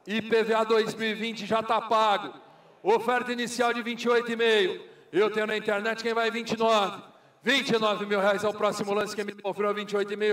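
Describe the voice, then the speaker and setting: A man's voice: high voice, a bit bright. A Brazilian man working as a car auctioneer, calling bids in a repetitive, formulaic chant. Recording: echoey hall, far from microphone.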